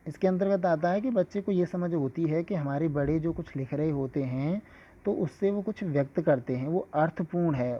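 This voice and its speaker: A man teaching a lesson in a measured, explanatory way, with an occasional filler. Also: fairly high pitch. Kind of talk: scripted lesson lecture. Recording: dull lo-fi recording.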